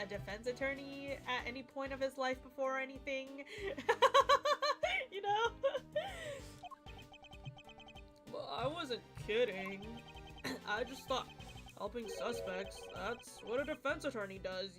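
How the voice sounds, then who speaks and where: A high-voiced woman chats casually as she streams a game. She is giggly and self-conscious, with music clearly playing behind her. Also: fairly bright tone. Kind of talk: casual chat while voicing game dialogue.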